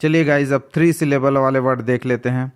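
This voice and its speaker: A man teaching a slow English lesson, patiently spelling words out letter by letter. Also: medium pitch, steady tone, clean tone.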